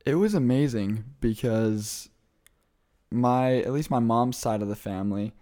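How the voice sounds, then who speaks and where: A young man from the Midwest, interviewed as a returned missionary, chats eagerly through his answers and laughs easily. His medium-pitched voice is warm, and his pace is a little slow.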